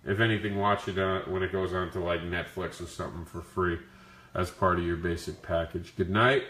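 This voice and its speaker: A man with a deep-leaning, growly voice roughened by flu hosts a casual Q&A stream. He talks informally to his viewers, and the sound is noticeably roomy and echoey. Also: steady tone, normal speed, fairly bright tone. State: sick with the flu. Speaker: comic creator hosting a Q&A. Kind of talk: casual livestream Q&A talk.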